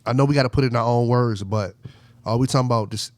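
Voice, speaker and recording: Mid-pitched man, halting then emphatic. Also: darkish tone, dry recording. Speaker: podcast co-host. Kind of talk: casual debate.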